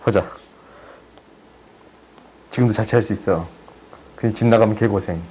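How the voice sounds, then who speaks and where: A young man tutoring high school math in a chatty, teasing way, often checking that students follow. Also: normal speed, mellow, a little hiss or hum, poor audio. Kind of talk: casual online math lesson.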